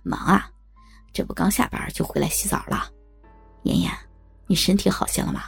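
Woman as shifty old man for audio fiction: gravelly, breathy, swinging pitch, hesitant muttering. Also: wildly swooping pitch, normal speed, faint music behind, exaggerated voice. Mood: evasive, hesitant. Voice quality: husky, breathy, creaky. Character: gruff, sly, lying old man, father-in-law.

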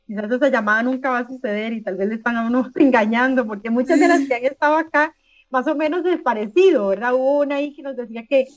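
A Costa Rican woman hosting a radio interview, full of effusive praise and pausing on the filler "este". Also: sits high, poor audio. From Costa Rica. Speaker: radio host.

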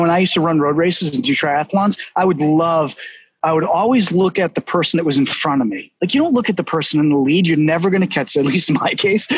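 Husky Boston-accented man telling stories. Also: a little high, no echo. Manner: storytelling, animated, emphatic. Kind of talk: casual business chat. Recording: dull, slightly lo-fi.

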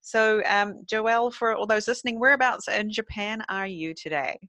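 A woman's voice: mid-range voice, normal speed, no room sound. A middle-aged woman hosting a casual podcast interview from home, chatty and full of fillers. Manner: chatty, warm-voiced with many fillers. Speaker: podcast host.

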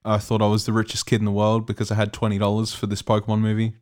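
Australian male podcast co-host, late twenties, rambling easy chat, slightly low voice. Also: monotone, racing, a little mellow. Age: 20s. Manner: laughs easily, rambling with fillers. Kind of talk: casual chat.

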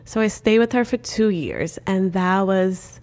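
With a mid-range voice and measured pace, a Cape Verdean woman recounts her story as an interview guest in a casual chat. Her first language is Cape Verdean Creole, and she tells it animatedly with frequent "like" fillers.

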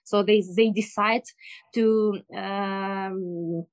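A woman's voice: mid-range voice, steady tone, no echo. Ukrainian-accented woman speaking careful English. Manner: careful English, halting, searching for words. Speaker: interview guest. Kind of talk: explanatory interview talk.

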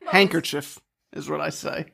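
A woman's voice: deep voice, fairly even intonation, slow, gravelly, fairly bright tone. A woman co-host in casual chat, with a playful, bantering way of talking.

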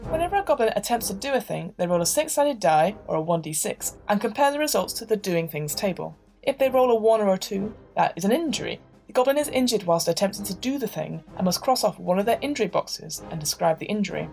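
A woman running a tabletop game, explaining rules briskly and laughing readily. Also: medium pitch, expressive, gravelly, darkish tone, faint music behind. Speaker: game master.

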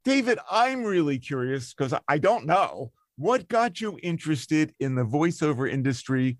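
A man's voice: on the high side, big pitch swings, unhurried, no echo. A man hosting an interview podcast, asking questions with open enthusiasm. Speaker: podcast host.

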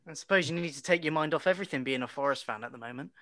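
A man's voice: on the high side, racing, a crowd in the background. A young man hosting a casual podcast chat, chirpy and teasing. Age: young adult. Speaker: podcast host.

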